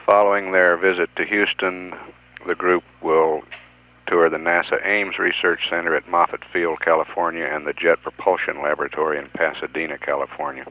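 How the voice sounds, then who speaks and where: A man working as a mission control public affairs announcer, giving a formal status update over a radio transmission, measured and even with occasional "uh" pauses. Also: low voice. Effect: radio transmission sound over a mission control loop. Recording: dull lo-fi 1970s mission radio audio.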